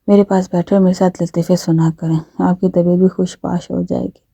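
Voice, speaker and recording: A woman voicing a gentle, playful young blind man who speaks softly and earnestly, in a story she narrates. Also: fairly low pitch, little pitch movement, vocal fry, husky, no echo. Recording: dull lo-fi audio.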